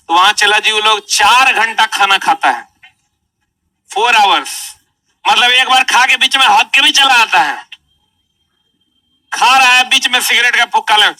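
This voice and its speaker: A man's voice: high-pitched, sharp tone, recorded from a distance, poor audio. A male teacher with a Bihari Hindi accent, giving a chatty classroom lecture and quizzing the students. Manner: chatty, asks the class questions.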